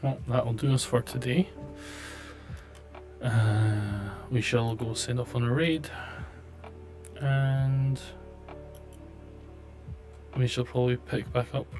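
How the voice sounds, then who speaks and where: A man's voice: medium pitch, fairly even intonation, takes it slowly, pauses often, darkish tone. A man live-streaming a flight simulator with casual commentary, muttering to himself in a dry, sweary, self-deprecating way. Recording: game stream with clear background music. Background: music.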